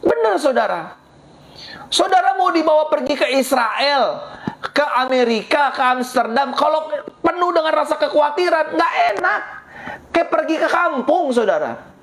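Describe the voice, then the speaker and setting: A woman's voice: sits high, slight background noise. A middle-aged woman pastor preaching a sermon, repeating phrases and addressing the congregation directly.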